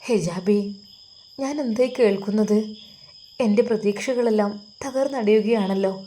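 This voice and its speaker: Woman doing an eager young guy begging for answers, mellow voice. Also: medium pitch, a little slow, a little hiss or hum, natural voice. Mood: pleading. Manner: urgent, pleading questions. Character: eager young man, pleading sweetheart.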